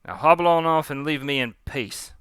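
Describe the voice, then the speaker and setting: A man's voice: fairly high pitch, moderate pace, fairly bright tone, smooth, dry recording, clean studio sound, pitched above the performer's own voice, natural voice. A man voicing a vengeful, swaggering female pirate captain with a wobbly Cockney accent that slips toward Australian, brash and menacing in a story. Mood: irritated, commanding. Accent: attempted Cockney, slipping toward Australian. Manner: brash, menacing, salty slang.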